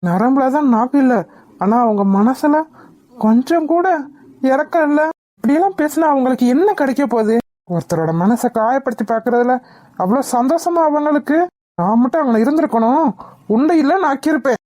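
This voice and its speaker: An indignant, protective young man, acted by a woman in a cartoon, sounding heated and firm. His voice is fairly high, and the recording is close and dry. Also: animated, a little fast, mellow, dry recording. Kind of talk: cartoon voice acting.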